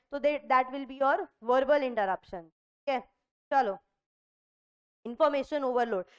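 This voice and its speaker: An Indian woman giving a classroom revision lecture in a lively way, questioning her students, mixing Hindi and English. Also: high voice, dull audio. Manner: lively, asks the class questions and answers them herself. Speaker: commerce lecturer.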